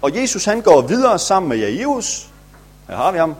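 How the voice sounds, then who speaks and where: A man's voice: high-pitched, very animated, soft background music. A man, a pastor, retelling a Bible story for children in a chatty, playful way.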